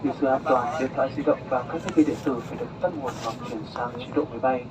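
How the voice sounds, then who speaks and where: A man's voice: mid-range voice, fast. A man from the cabin crew reading a formal, scripted flight attendant welcome announcement. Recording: dull cabin speaker, loud aircraft noise. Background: loud aircraft cabin noise.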